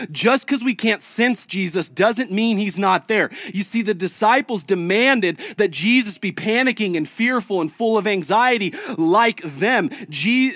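A man's voice: high-pitched, a bit bright, dry recording, studio quality. A male pastor preaching a conversational sermon, full of rhetorical questions to the congregation. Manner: chats casually with a child mid-sermon.

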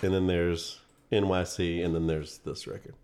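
Hesitant lower-voiced podcast man. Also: steady tone, moderate pace, darkish tone. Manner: hesitant, self-deprecating. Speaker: podcast co-host. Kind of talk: casual chat.

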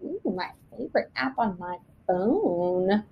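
A woman's voice: mid-range voice, sing-song, slow, gravelly, slightly rough, highs cut off. A woman, chatting casually as a podcast guest and telling stories with emphatic repetition. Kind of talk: casual interview chat.

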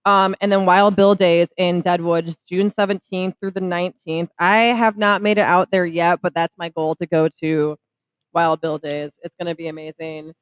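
A woman's voice: lowish voice, level tone, moderate pace, clear, resonant tone, dry recording, low-quality recording. A woman co-hosting a live podcast from a taproom, bubbly and giggly as she runs through local events. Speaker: podcast co-host. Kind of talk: upbeat live podcast chat. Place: restaurant taproom, live show.

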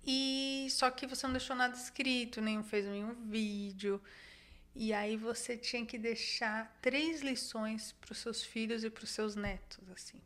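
A young adult woman from Brazil with a Brazilian Portuguese accent, hosting a casual livestream and talking with her mother in a lively, chatty way. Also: on the high side.

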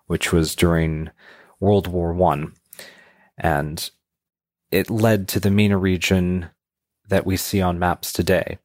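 A man's voice: low voice, no echo, studio quality. A man, a guest giving a formal, lecture-like prepared explanation. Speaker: network member guest.

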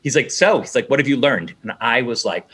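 Animated man telling a career story. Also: mid-range voice, fast, husky. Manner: animated, acts out both sides of conversations. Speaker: interview guest. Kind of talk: casual storytelling in an interview.

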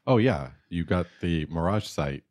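A man with an exceptionally deep voice, recorded dry without room echo. He banters casually as a co-host, joking and pausing to find his wording. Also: animated, a little mellow. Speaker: podcast co-host.

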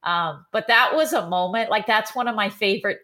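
A woman with a Texan accent, a triathlon coach, chatting casually on a podcast and telling animated stories with lots of fillers. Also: medium pitch, a little fast. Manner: animated storytelling with many fillers.

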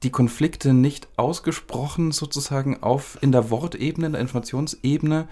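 A man talking about a film in a measured, analytical way, building long sentences with small fillers. His voice sits at a middle pitch. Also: warm tone. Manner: thoughtful, elaborate sentences with fillers. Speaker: film discussion co-host. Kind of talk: analytical conversational talk.

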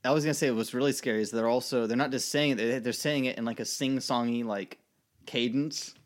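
A man's voice: medium pitch, fairly even intonation, brisk. A man co-hosting a podcast, chatting casually and joking. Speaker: podcast co-host.

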